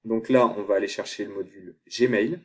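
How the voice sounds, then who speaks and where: A man explaining a software tutorial step by step, thinking aloud as he clicks through screens. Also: lowish voice, steady tone, moderate pace. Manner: thinks aloud while clicking, many fillers. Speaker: online tutor.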